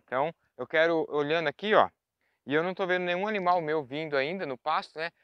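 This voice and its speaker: Speaking fairly high and quickly, this man has a clear, resonant tone, captured in a dry but dull recording. He's a Brazilian horse trainer with a Brazilian Portuguese accent giving an outdoor lesson on horse handling in a pasture, talking chattily to viewers with frequent tag questions.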